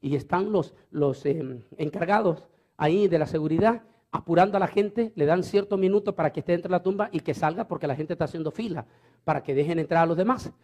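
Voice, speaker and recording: A man's voice: fairly high pitch, fast, darkish tone. A man preaching a storytelling sermon, fervent and repeating phrases for emphasis.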